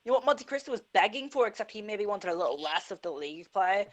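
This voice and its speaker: A woman co-hosting a casual esports podcast, chatty and excitable, her voice clipping and distorting through a phone microphone. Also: mid-range voice. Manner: excitable, quick to laugh, chatty. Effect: clipping, distorted phone microphone peaking. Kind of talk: casual livestream podcast chat. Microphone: phone camera mic on mobile data.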